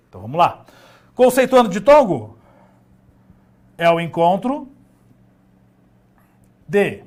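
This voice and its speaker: Man, teacher, grammar lesson, lively swinging pitch, drawn-out emphasis. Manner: animated, drawn-out emphasis on key words, talks to himself.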